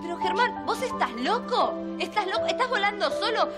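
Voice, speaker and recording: An actress voicing a radio operator with an Argentine accent, heard over a two-way radio, urgent and scolding. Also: female voice, extremely high pitch, animated, normal speed, loud music behind the voice. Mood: alarmed scolding. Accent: Argentine Spanish. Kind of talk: telenovela acting.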